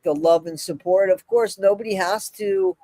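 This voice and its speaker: A woman's voice: medium pitch, moderate pace, dark tone, no echo. A woman chatting casually on a live stream as a channel creator, emphatic and repeating phrases for stress.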